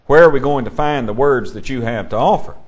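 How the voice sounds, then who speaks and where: A man teaching a Bible class, emphatic and measured, putting questions to his students. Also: medium pitch, slightly rough.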